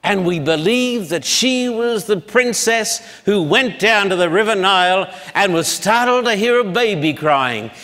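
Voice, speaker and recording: Speaking in a big lecture hall that adds long reverb, a male Bible lecturer works at a blackboard for a public audience. His fairly high voice is pushed and bright with lively intonation, and he goes slowly, carefully dividing long names into syllables.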